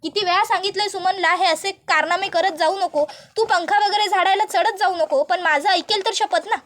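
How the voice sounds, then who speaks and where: A scheming middle-aged uncle who keeps talking fast to smooth over his lies, as a woman retells the scene. The voice stays very high, with her own voice barely changed. He coaxes and insists without pausing. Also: fairly bright tone. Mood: soothing.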